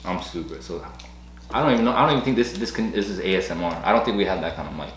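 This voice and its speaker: A man co-hosting a casual food chat, relaxed and talkative, at times saying a long heartfelt grace. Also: low-pitched, rapid-fire. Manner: relaxed, chatty, says grace at length. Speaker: co-host. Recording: echoey room, faint hum.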